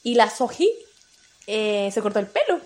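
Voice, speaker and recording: A young woman with a Chilean Spanish accent and a sore throat, co-hosting a casual podcast chat, playful and quick to laugh. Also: medium pitch, sing-song, a little mellow. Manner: playful, laughs often, sings snippets. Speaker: podcast co-host.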